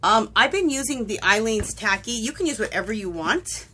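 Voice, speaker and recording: A woman with a fairly high, pushed, bright and slightly rough voice talks casually through a paper craft tutorial from her home craft table indoors. Her intonation is lively and her speed normal. A crafting vlogger with a cold, she sniffles, rambles chattily and corrects herself.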